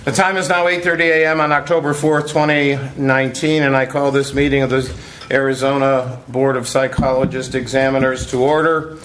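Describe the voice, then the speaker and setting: A man's voice: mid-range voice, little pitch movement, a little fast, noisy background. American man chairing a meeting, narrow intonation. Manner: official, procedural. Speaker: board chairman. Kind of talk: formal meeting remarks, reading announcements. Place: public board meeting room.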